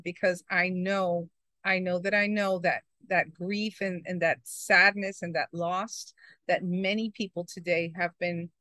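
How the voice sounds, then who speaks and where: A woman's voice: mid-range voice, a bit bright, no room sound. A woman hosting an interview, speaking effusively and affirming her guest. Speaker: host. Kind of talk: broadcast interview.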